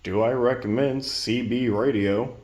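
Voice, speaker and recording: A man with a medium-pitched, fairly even voice talks a little slowly in a slightly mellow tone. He's a presenter reviewing radio gear, giving a casual, plain-spoken product demonstration. The recording is clean, with no intrusive background noise.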